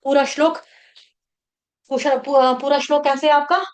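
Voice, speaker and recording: A woman teaching verse recitation in an online class. She chants slowly, then breaks the words down syllable by syllable. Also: high-pitched, fairly even intonation. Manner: slow chanting, then rapid syllable-by-syllable explanation.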